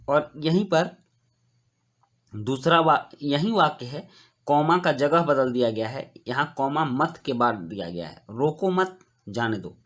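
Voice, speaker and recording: A man's voice: fairly high pitch, a bit bright. Man teaching grammar to children. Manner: slow, clear explanatory teaching voice, reading examples aloud. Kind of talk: Hindi grammar lesson for children.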